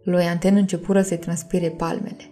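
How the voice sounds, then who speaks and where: A woman tells a bedtime story at a steady pace, her voice gentle, mellow, and dark, sitting on the low side with a level tone. She speaks warmly and addresses her listeners as "dears" while faint music drifts behind her.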